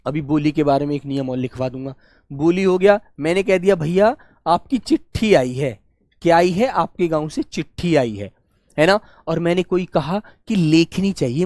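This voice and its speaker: Guy teacher dictating notes, drags out key words slow, keeps calling his students kids, very dry close sound. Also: fairly high pitch, dry recording. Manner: warm coaxing, calls students "beta", asks and answers his own questions. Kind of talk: online exam-prep grammar class.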